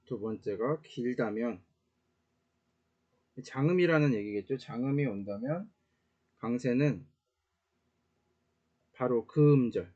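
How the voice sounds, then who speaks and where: A man teaching a casual online Latin grammar lesson, explaining slowly with many "uh" fillers and small self-corrections. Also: mid-range voice, dark tone, dull audio.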